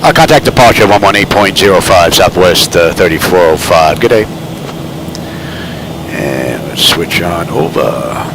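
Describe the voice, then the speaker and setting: Low voiced guy doing casual flight sim commentary and pilot callouts, clear cockpit drone behind him. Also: animated, a little slow. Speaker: flight simulator streamer playing airline pilot. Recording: loud cockpit and engine noise. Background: simulated airliner cockpit drone.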